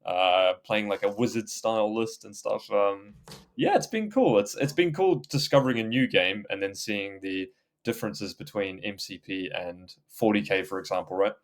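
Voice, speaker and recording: A man's voice: lowish voice, moderate pace. A man co-hosting a gaming podcast, talking casually with many fillers and restarts and laughing easily. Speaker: podcast co-host.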